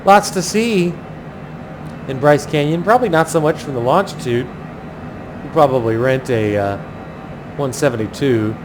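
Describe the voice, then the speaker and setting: A man's voice: measured pace, pauses often. A man giving a casual flight commentary, chatty and thinking aloud in pilot jargon. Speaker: flight simulator pilot and host. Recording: clearly noisy, steady low engine-like rumble.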